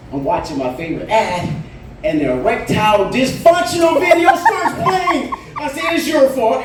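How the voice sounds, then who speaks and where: A high-pitched man in his late forties tells easygoing stories with punchlines during a stand-up set on a bar stage. The roomy bar is recorded from a distance, with a little hiss or hum.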